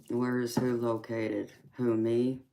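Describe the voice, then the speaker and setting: A woman's voice: very deep voice, level tone, slow pace, creaky, very noisy. A woman in her forties from California, hosting a live chat and answering viewer comments in an easygoing way, laughing often. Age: 40s. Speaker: tarot reader and livestream host.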